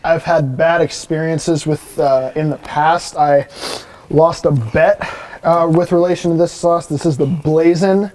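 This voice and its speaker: A man's voice: a little high, steady tone, unhurried, darkish tone. A young man hosting a casual hot sauce challenge interview, coughing and gasping as he eats spicy food. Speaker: host.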